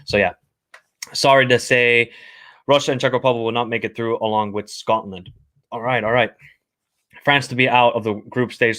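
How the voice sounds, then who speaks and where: Hosting a laid-back football livestream, this young man reads out viewer comments and offers blunt takes, chatting away and repeating himself often. He speaks with an American accent, being half American, half Finnish, and lives in Finland. His pitch is medium and his tone fairly bright.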